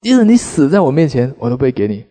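A man voicing a stingy, scornful rich wife in a retold sermon story, with a shrill, contemptuous manner. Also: sing-song, fast, dark tone, big-room sound, lightly acted.

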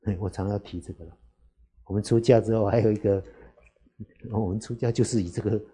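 A man, a Buddhist monk, giving an unhurried dharma talk to lay listeners, often asking rhetorical questions. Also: lowish voice, fairly even intonation, dark tone, breathy edge.

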